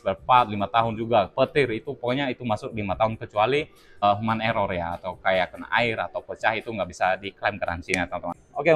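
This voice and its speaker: A man's voice: on the low side, a bit bright. A man walks through a TV unboxing. He talks chattily and directly to his viewers as he handles the set. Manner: addresses viewers as teman-teman, chatty, explains while handling the product. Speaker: product reviewer. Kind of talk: casual unboxing review.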